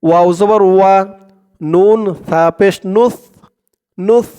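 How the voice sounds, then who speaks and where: A man teaches recitation syllable by syllable, naming each letter and vowel mark and then joining them in a patient, drawn-out chant. His voice sits high for a man and comes through very clear and clean. He moves at an unhurried pace. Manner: calm explanations, quieter and lower than the recitation.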